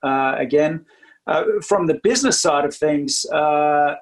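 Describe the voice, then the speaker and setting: An Australian man with a fairly high voice speaks at a measured pace as a podcast guest, explaining his company's technology. It's a casual interview, and he sounds hesitant, filling gaps with plenty of ums and uhs.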